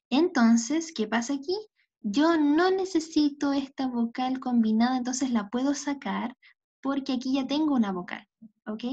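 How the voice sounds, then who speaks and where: A woman's voice: a little high, warm tone, slightly rough. Bilingual woman teacher, lo-fi sound. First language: Spanish. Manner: explains in English then repeats in Spanish, often checks with "¿ok?". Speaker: English teacher. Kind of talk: bilingual recorded lecture. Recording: dull lo-fi lecture audio.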